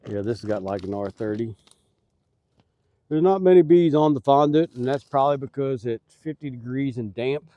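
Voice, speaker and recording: A man's voice: medium pitch, moderate pace, mellow, lo-fi sound. A middle-aged man who keeps bees, talking in a casual, earnest and folksy way while he walks among his hives outdoors. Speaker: beekeeper. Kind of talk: casual vlog talk. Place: outdoors at beehives.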